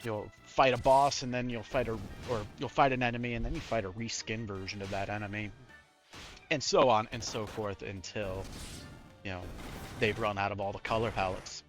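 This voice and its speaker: A man's voice: fairly low pitch, steady tone, moderate pace, over music. A man giving casual, rambling, self-deprecating live commentary as he plays a video game. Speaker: game streamer.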